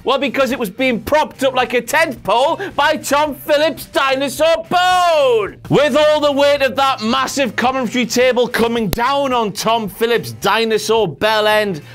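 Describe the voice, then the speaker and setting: A man's voice: very high voice, a bit bright. A British man hosting a comedic wrestling recap show, with a theatrical, mock-pompous and sweary manner. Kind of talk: comedic commentary.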